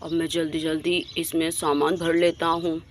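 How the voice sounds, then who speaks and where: A woman voicing a sneaky, greedy male burglar who mutters low to himself in a doll story. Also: level tone, unhurried, a little hiss or hum, lightly acted.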